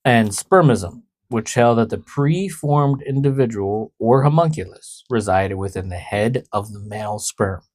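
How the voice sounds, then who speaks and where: A man's voice: fairly low pitch, lively intonation, a little slow, few pauses, darkish tone, no room sound, studio quality. Playful man co-hosting a podcast. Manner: explains the topic with laughter and playful jokes. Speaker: podcast co-host. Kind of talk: casual podcast chat.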